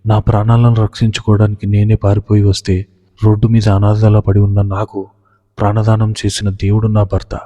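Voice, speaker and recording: A man's voice: lowish voice, completely flat delivery, fairly quick, dark tone, natural voice. A man voicing a frightened young woman who fled a forced marriage, pleading through sobs. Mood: firm resolve. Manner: sobbing, pleading. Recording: long hall reverb.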